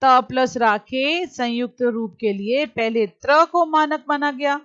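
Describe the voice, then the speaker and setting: Slow high-voiced woman teaching grammar. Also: a bit bright, clear, resonant tone, no room sound, highs cut off. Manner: explains slowly, repeats example words. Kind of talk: grammar lesson.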